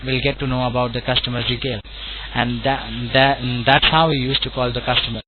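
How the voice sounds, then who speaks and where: A tinny phone line with clear noise carries an Indian-accented man. He is a call center tech support agent with a mid-pitched voice. He speaks politely and at length, repeating himself as he explains. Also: steady tone, brisk. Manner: polite, wordy, repetitive, often saying sir and all right.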